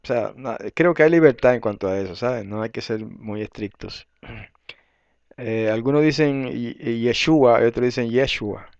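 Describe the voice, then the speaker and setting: A man teaches a Bible study in a relaxed, conversational way, reading verses aloud and pausing to clear his throat. His voice is smooth and resonant at a middling pitch. The recording is dry and a bit dull and lo-fi. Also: no room sound. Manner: conversational, tag questions, frequent throat clearing.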